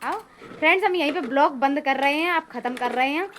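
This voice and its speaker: A woman's voice: high voice, a little fast, slight background noise. A woman, chatting casually to her viewers in a home vlog filmed on a phone. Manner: chatty, addresses viewers as friends; loud and lively, breaking into laughter. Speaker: vlogger. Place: home, indoors and outdoors. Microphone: phone camera.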